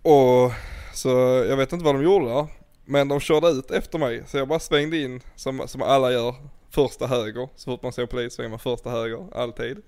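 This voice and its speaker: A man's voice: mid-range voice, fairly even intonation, darkish tone, clean tone. A young man in casual chat, laid-back and swearing, telling stories with laughs. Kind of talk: casual storytelling.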